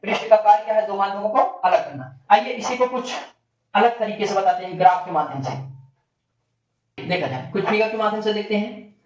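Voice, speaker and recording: A male physics teacher giving a classroom lecture. He asks the class questions and answers them himself in a lower voice. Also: animated, normal speed. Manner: addresses students as bhaiya and bachche. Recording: distant, echoey, dull classroom recording.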